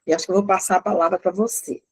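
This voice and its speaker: A woman's voice: on the low side, fairly even intonation, racing, darkish tone, poor audio. A chatty woman leading a Gospel study group and passing the word to others. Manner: chatty, admits she talks a lot. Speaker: discussion leader.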